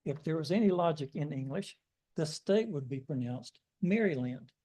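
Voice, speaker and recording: A man's voice: fairly high pitch, lively intonation, normal speed, dark tone, low-quality recording. An older American man telling folksy, self-deprecating stories in a sermon. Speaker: guest preacher. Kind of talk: storytelling sermon.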